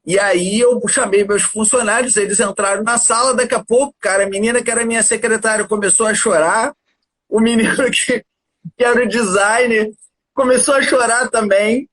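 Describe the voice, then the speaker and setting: A man chatting as a guest on a livestream, telling a story in an animated, casual way and often addressing the listener as "cara". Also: sits high, moderate pace, slight background noise. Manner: animated, keeps saying "cara".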